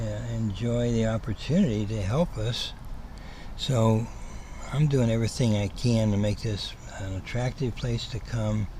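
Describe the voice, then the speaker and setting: A lowish-voiced man talks casually on a livestream over clearly audible background noise. His speech whistles slightly through missing front teeth. He rambles in a halting way, repeating words as he searches for the next one. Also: mellow. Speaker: host, cat rescue operator. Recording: clearly noisy ambient background.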